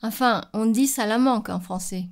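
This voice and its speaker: Une femme jouant une jeune étudiante posée. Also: female voice, a little high, normal speed, close to an everyday voice. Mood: calm. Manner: calm, polite, matter-of-fact. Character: young female exchange student, calm and polite. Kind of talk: scripted radio interview for a lesson.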